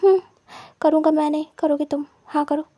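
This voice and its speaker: A woman's voice: high voice, fairly even intonation, mellow, lightly acted. Woman voicing a smug, cruel young man. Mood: teasing. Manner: slow, smug, mocking.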